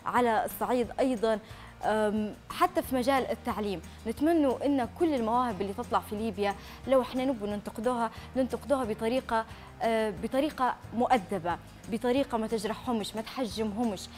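Woman, Libyan accent, morning show host, fast-talking, earnest, TV studio. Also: a little high. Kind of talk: live TV talk show.

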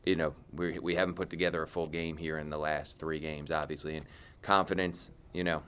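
Low flat-voiced coach at a presser. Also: male voice, fairly quick, slight background noise. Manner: blunt, repeats phrases, restarts often. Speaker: head basketball coach. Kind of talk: postgame press conference answers. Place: press conference room.

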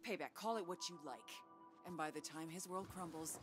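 A woman's voice: on the low side, brisk, music in the background, natural voice. An actress playing a scheming woman fugitive in a video game, pleading and persuasive. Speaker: game character.

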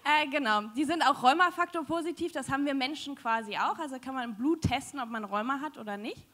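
A woman's voice: high voice, fast, fairly bright tone. A young woman giving a chatty, joking science slam talk on stage into a handheld mic, with many fillers. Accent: German. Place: large dim hall with audience.

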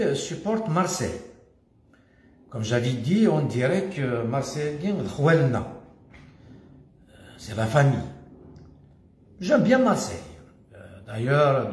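This older Kabyle Algerian man, who used to head a community association, speaks slowly and haltingly with many hesitant pauses, in a darkish voice of medium pitch. It's a casual personal monologue to camera, recorded in an echoey room at home featuring a stone wall and staircase.

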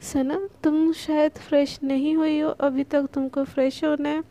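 A woman's voice: high-pitched, little pitch movement, a little slow, creaky, mellow. A woman voicing a jealous, stern young woman who speaks curtly in an audio love story. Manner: curt, annoyed.

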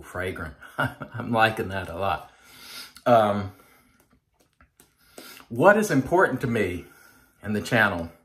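Lathering up in a small bathroom at home, a shaving-channel host in his forties talks to the camera in a chatty, earnest, casual way, addressing viewers as folks. He has a lowish, somewhat bright voice.

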